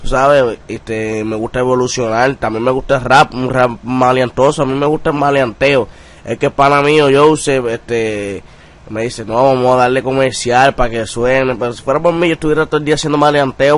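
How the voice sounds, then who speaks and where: Young puerto rican guy, flat monotone voice, street slang, lots of filler words. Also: mid-range voice, fairly quick. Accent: Puerto Rican Spanish. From Puerto Rico. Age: young adult. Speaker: rapper interviewee. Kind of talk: casual interview talk.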